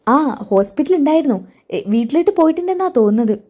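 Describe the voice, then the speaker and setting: A woman reading the part of a calm, caring young man who soothes a pregnant relative. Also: high-pitched, fast, voice pushed up. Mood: evasive. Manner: soothing, reassuring, turns flustered when hiding things.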